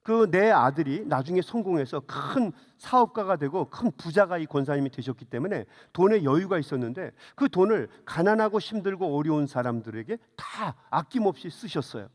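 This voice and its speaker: A man's voice: on the high side, animated, moderate pace, few pauses. A middle-aged man preaching a sermon as a pastor, telling a story and then urging his congregation with fervor. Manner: storytelling, rising to fervent exhortation. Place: church sanctuary. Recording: reverberant church hall.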